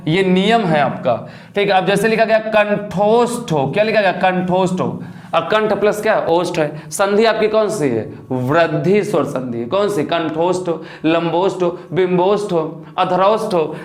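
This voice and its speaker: A male teacher with a fairly high voice runs a classroom grammar lesson. He keeps asking questions and answering them himself, talking steadily through each example. The room has a clear echo. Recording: echoey room.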